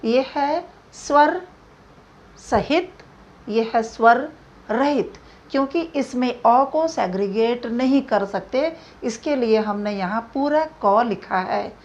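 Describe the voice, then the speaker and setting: A woman teaching a grammar lesson, speaking slowly and deliberately and spelling out each example. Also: on the high side, expressive, darkish tone. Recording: dull lo-fi recording.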